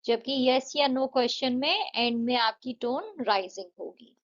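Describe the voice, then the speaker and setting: Woman teacher walking thru answers slowly, patient, mixes hindi and english, kinda muffled audio. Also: sits high, expressive. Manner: patient, explains step by step with Hindi-English mixing. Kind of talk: exam-prep lesson explaining answers. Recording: dull lo-fi audio.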